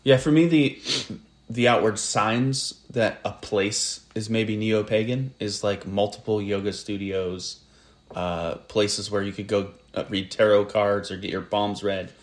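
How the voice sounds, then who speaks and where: A man with a General American accent speaks in a low voice on a casual podcast. He reflects aloud, pausing and restarting his sentences as he goes. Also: steady tone. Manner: reflective, halting, many restarts. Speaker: podcast co-host. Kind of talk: casual conversation.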